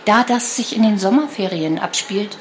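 A woman reading a children's book aloud, telling the story in a calm, clear way. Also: medium pitch, normal speed, a little hiss or hum. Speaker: reader.

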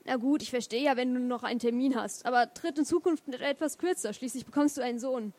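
A woman's voice: high voice, quick pace, darkish tone. Woman reading a confused old grandfather. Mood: fond.

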